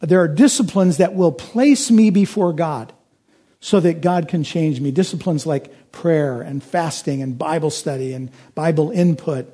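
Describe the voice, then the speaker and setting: Mellow-voiced man preaching a sermon. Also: fairly high pitch, unhurried, slightly rough. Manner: earnest preaching, rising to emphatic peaks. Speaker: pastor.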